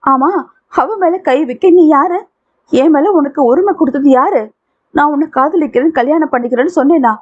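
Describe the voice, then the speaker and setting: A woman's voice: sits high, normal speed, lightly acted. A woman reading the part of a proud, hurt young woman who speaks defiantly and indignantly. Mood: furious. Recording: tinny phone-like audio.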